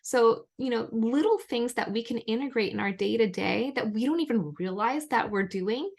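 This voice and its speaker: A woman physician guest on a podcast, explaining lively with everyday examples. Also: a little high, moderate pace, creaky. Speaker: guest, physician and wellness coach. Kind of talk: conversational interview.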